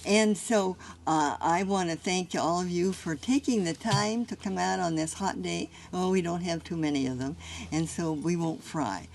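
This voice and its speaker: An older woman with a notably low voice gives a thank-you speech outdoors, pausing often with fillers. Faint outdoor noise sits behind her. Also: vocal fry, darkish tone. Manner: halting, with many fillers. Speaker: guest of honor. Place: outdoor county park.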